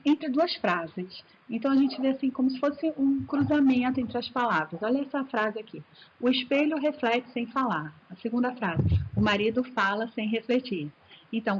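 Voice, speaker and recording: Brazilian woman teacher, chatty and keen, slightly high voice, dull recording with faint hiss. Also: a bit bright. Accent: Brazilian Portuguese. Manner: chatty and enthusiastic, addresses students as "gente". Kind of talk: recorded video lesson.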